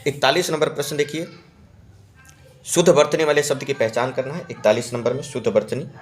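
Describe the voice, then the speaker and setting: A man's voice: mid-range voice, fairly even intonation, fairly quick, a little hiss or hum. Man patiently explaining test answers. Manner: repeats key words and checks with "है ना". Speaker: Hindi exam-prep teacher.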